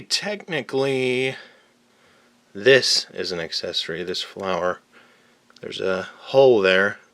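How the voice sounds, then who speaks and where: A man casually reviewing an action figure, chatty and relaxed, with lots of fillers and a little out of breath. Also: deep voice. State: slightly out of breath. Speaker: toy reviewer. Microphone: camera mic on tripod.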